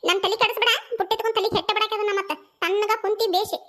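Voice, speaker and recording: A very high, bright and squeaky cartoon voice, put on by a performer, the cheeky young village woman rattles off her lines at a rapid clip. She has a thick North Karnataka accent and a teasing, quarrelsome manner. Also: fairly even intonation. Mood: teasing, squabbling. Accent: North Karnataka Kannada. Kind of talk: cartoon comedy voice acting.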